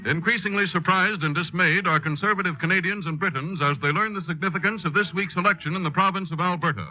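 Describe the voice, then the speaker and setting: Acting as a 1930s newsreel narrator in a radio news dramatization, this man speaks in a high-pitched voice that stays close to his everyday one. His delivery is grave and dramatic, portentous and declamatory, stretching out words for solemn emphasis. Music plays under audio that is muffled like an old 1930s radio recording.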